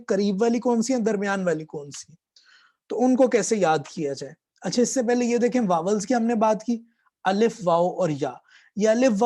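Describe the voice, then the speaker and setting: A man teaching Quran letter pronunciation in a patient lesson style, stretching out the throat sounds slowly as he demonstrates them. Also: high-pitched, a little mellow.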